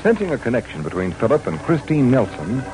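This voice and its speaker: A man's voice: medium pitch, huge pitch swings, brisk, loud music behind the voice. A man announcing an old radio drama, reading a scripted recap of the story so far. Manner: scripted recap read to open a radio episode.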